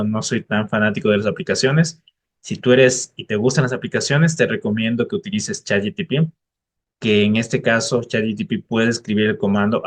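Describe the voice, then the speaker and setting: A man, an English tutor, giving direct and encouraging study advice to the viewer in a casual explainer video. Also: fairly low pitch.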